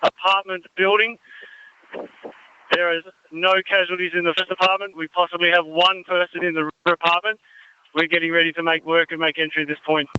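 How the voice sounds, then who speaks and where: A man's voice: sits high, little pitch movement, a little fast. Tinny radio report from a man. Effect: two-way radio. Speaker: firefighter. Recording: tinny narrow-band radio, faint noise.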